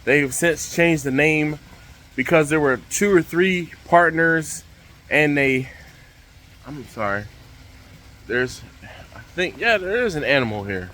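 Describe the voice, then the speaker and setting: Higher-voiced man talking beside rushing water. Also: expressive, bright, forceful tone. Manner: speaking over rushing water outdoors. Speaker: vlog host. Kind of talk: casual chat to camera. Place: outdoors by a pool with a waterfall.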